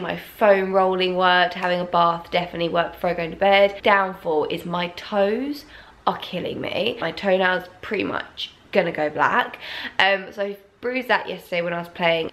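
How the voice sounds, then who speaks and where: A young woman with a slight croak from a cold, chatting upbeat in a casual vlog. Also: on the low side, a bit bright. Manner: chatty and upbeat, fillers like "like" and "you know". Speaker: vlogger.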